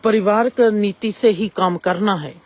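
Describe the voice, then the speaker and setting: A woman's voice: medium pitch, unhurried, darkish tone. A woman gives a reflective spiritual discourse and asks rising rhetorical questions. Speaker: spiritual speaker.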